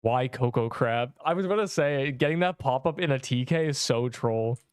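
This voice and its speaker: A young man streaming a game, chatting along in a casual, excitable way with gamer slang. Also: medium pitch, normal speed, clear, resonant tone, no echo, clean studio sound. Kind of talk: casual livestream commentary.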